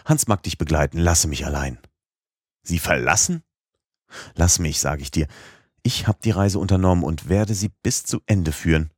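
A man reads a stubborn, obsessive old professor with a very deep, husky voice that presses every word hard. He sounds stern and driven, like an uncle in an adventure audiobook. The recording is dry and close. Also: normal speed, darkish tone, no echo. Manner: hard, urgent insistence.

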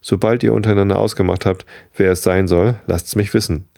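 A man reading the part of a gruff, wrathful old settler farmer who speaks sternly and threateningly. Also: deep voice, steady tone, fairly quick, warm tone, no echo, clean studio sound. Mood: angry.

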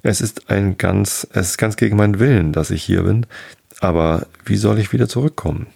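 A man's voice: fairly low pitch, normal speed, gravelly, a little mellow, husky, full character voice. A man voicing a hapless, tipsy countryman in a folk tale, fawning and flowery in his politeness.

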